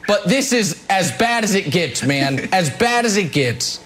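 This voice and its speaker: A man with a very high, bright-pitched voice argues his point on a sports talk show. He sounds emphatic and incredulous, pressing each claim hard. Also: big pitch swings, measured pace. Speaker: sports debate show co-host. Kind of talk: heated sports debate.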